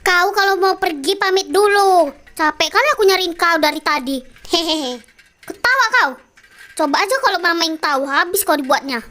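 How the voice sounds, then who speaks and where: A woman voicing two brash, squabbling young sisters in an animated game story. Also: very high voice, normal speed, exaggerated voice. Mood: bickering. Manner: blunt, teasing, bickering.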